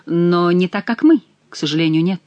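A woman reading an audiobook and voicing a young noble wife who speaks eagerly and lively. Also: fairly low pitch, moderate pace, no echo, lo-fi sound, close to an everyday voice. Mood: warm. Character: Jeanne, young noble wife, anxious and affectionate.

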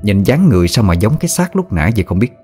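Deep-voiced man telling a ghost story. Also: breathy edge. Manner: steady, measured telling that turns frantic in quoted outbursts. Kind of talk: first-person ghost story narration. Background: faint music.

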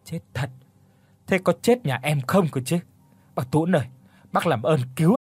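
A man's voice: mid-range voice, expressive, normal speed, dry recording, close to an everyday voice. A man voicing a simple, gullible male servant in an audio story, tipsy and slurring as if his mouth is full. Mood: panicked.

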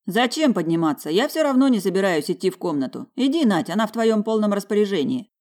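A woman's voice: mid-range voice, big pitch swings, fast talker, darkish tone, pitched above the performer's own voice, close to an everyday voice. A woman voicing a pushy young man in an audiobook, speaking insistently and with cheerful meddling. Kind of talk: audiobook dialogue.

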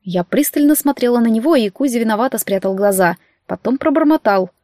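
High-voiced woman narrating an audiobook. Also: lively intonation, brisk, dark tone, no echo, clean studio sound. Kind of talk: first-person audiobook narration.

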